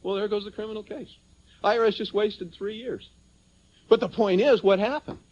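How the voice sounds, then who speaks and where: A high-pitched man with a darkish tone and fairly even intonation speaks at normal speed before a seminar audience. He argues persuasively and emphatically, mixing anecdotes with rhetorical questions. It's preserved on a dull, lo-fi seminar tape.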